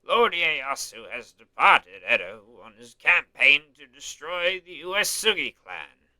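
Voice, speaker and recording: Man putting on a creaky old lord voice. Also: a little high, big pitch swings, takes it slowly, sharp tone, voice pushed up, exaggerated voice, poor audio. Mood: mock-solemn. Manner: mock-solemn reading of subtitles. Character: senile old male lord, cautious.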